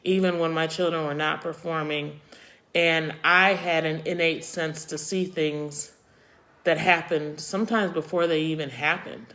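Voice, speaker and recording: A woman's voice: low voice, steady tone, a little slow, fairly bright tone. A middle-aged woman hosting a casual live-stream chat, speaking her mind and reacting to viewers, becoming emotional and choked up. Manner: opinionated, reacting to viewer comments. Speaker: host of a live chat show.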